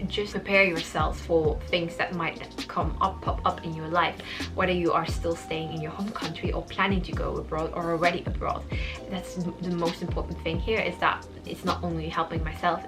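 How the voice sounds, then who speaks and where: Low-voiced young woman vlogging, hesitant. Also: rough recording. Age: 20s. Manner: rambling, frequent ums and restarts. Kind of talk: casual vlog monologue. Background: background music.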